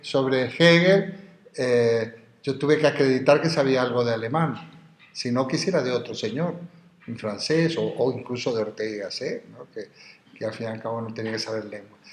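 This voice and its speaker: During this university philosophy lecture, a man digresses often, taking Greek terms slowly and spelling out words. His pitch sits in a normal middle range. The recording carries clear classroom echo and a slight hiss or hum.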